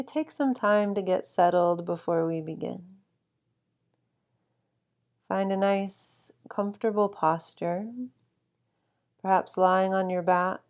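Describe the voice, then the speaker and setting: A woman guiding a sleep meditation with calm, soothing instruction and long, unhurried pauses. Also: medium pitch, clean tone. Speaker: meditation guide.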